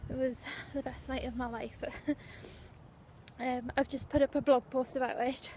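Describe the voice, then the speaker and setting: A woman's voice: high voice, flat delivery, normal speed, a little mellow. A young woman, chatting casually and a little out of breath while vlogging on a windy street, full of fillers and asides. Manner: chatty, rambling with many fillers. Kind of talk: casual walking vlog. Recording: faint background noise, wind.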